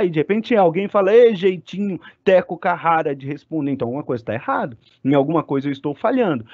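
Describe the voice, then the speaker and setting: A man giving an online class lecture, talking fast and animated and getting loud when excited. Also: a little high, no echo. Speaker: university lecturer. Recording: dry, slightly muffled sound.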